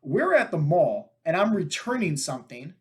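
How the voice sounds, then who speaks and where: A man with a fairly high voice hosts a fitness podcast, speaking straight to his listeners. He tells stories in a loose, energetic way and keeps checking in with "right?" and "like". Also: moderate pace. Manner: energetic, talks to listeners with frequent "right?" and "like" fillers. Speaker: podcast host and fitness coach. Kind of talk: casual storytelling monologue.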